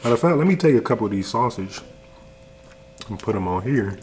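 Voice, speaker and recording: A man's voice: fairly low pitch, expressive, brisk, noisy background. A young adult American man giving a laid-back, slangy food review, talking casually to the camera as he eats. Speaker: food reviewer, video host. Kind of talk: casual chat to camera while eating. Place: indoors, home kitchen.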